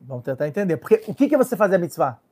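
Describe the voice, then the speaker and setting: A man with a Brazilian Portuguese accent giving an informal Torah lesson as a rabbi, lively and joking, often acting out little voices. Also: high voice, racing. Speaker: rabbi teaching a Torah class.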